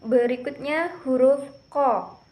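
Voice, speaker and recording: A young woman with a high voice gives a recitation lesson at a very slow pace. She explains where each letter is formed, then drills the example syllables carefully. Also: darkish tone, a little hiss or hum. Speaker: Quran recitation student.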